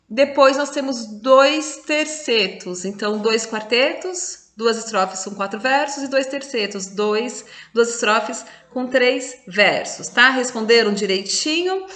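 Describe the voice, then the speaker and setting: Woman teacher, slow patient explaining, roomy echo. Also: fairly high pitch, fairly bright tone. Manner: patient, explains step by step, counts syllables aloud. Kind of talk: recorded online class. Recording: echoey room.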